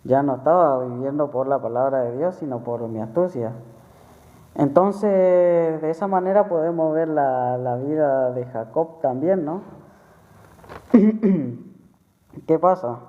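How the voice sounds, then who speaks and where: A man's voice: fairly high pitch, slow pace, long pauses. Man preaching in an echoey church hall. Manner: conversational, repeats phrases, frequent tag questions. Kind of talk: sermon testimony. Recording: tinny phone-like sound with long hall reverb.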